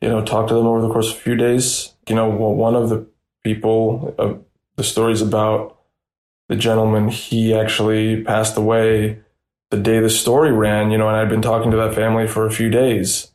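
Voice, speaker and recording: Animated young man in an echoey room. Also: fairly low pitch, moderate pace. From Russia. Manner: animated, rambling with many fillers. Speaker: reporter guest. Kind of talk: casual radio interview.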